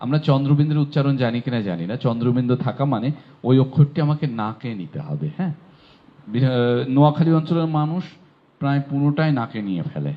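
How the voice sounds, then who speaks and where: A man teaching pronunciation who sounds out each word slowly and says it again and again. His pitch rises and falls in a lively way. The audio is dull and lo-fi. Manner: slow, drawn-out demonstration of sounds. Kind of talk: recitation pronunciation lesson.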